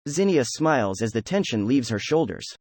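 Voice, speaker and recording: A man's voice: mid-range voice, big pitch swings, normal speed, a little mellow, no echo. Man reading a story, dry close sound. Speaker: audiobook reader. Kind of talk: fan fiction audiobook narration.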